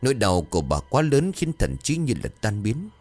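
A man narrating a horror story in a dramatic, expressive reading. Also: mid-range voice, normal speed, soft background music.

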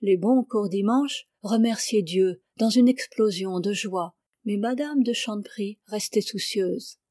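A woman narrating a classic novel as an audiobook reader, in a calm, even, literary reading close to the mic. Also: medium pitch, measured pace, no room sound.

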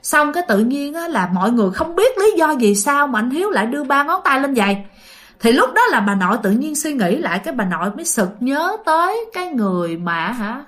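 A woman with a Southern Vietnamese accent narrates a ghost story casually, her voice loose, chatty, slightly high and a bit bright. She packs her sentences with little fillers and keeps addressing her listeners directly.

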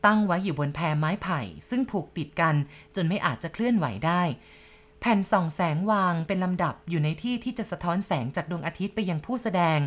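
A woman reads a ghost story aloud in a steady, measured way. She keeps the narration even and unhurried. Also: lowish voice.

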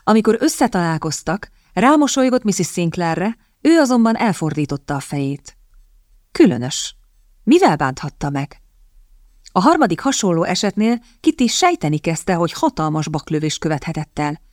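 A woman narrates a novel in a calm, even, measured reading. Her voice sits low, and the close studio mic gives a dry sound with no room echo. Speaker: audiobook narrator. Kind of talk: scripted narration.

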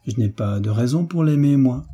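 A man voicing a smug, mocking landowner who talks down to a peasant girl, in a husky voice. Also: mid-range voice, animated, normal speed, warm tone. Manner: smiling, teasing, condescending.

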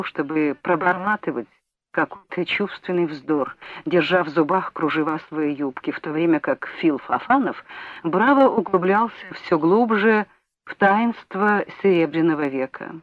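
A woman narrating an audiobook in a measured, even reading voice. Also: lowish voice. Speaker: audiobook reader. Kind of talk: scripted narration. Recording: dull lo-fi audiobook recording, dry.

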